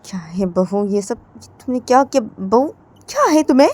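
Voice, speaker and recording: A woman's voice: on the high side, lively intonation, moderate pace, a little mellow, pitched above the performer's own voice. A woman doing a stern, scolding mother-in-law. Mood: reproachful. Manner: reproachful.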